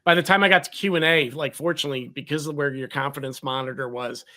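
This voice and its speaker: A man hosting a podcast in casual conversation, talking in an animated way. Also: medium pitch, fast. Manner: animated, talks with his hands. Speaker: podcast host.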